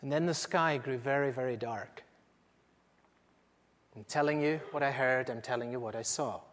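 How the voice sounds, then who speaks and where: A man's voice: mid-range voice, moderate pace, a bit bright, close to an everyday voice. A man performing a first-person dramatic monologue as an aged apostle recounting what he witnessed, earnest and intimate with dramatic swells. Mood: solemn. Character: aged male apostle recounting eyewitness memories. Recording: echoey hall with long reverb.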